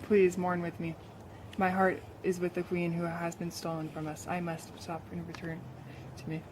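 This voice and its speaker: A woman's voice: fairly low pitch, completely flat delivery, noisy background, close to an everyday voice. A woman playing a sly grieving orator. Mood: mournful. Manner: halting, hesitant speech-making. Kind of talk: amateur play acting.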